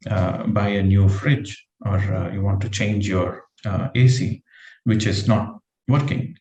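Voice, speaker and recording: A man with a warm, mellow voice gives a meditation teaching talk. He explains patiently, reaching for everyday examples. The sound carries a noticeable room echo. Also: fairly low pitch, highs cut off. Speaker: spiritual teacher.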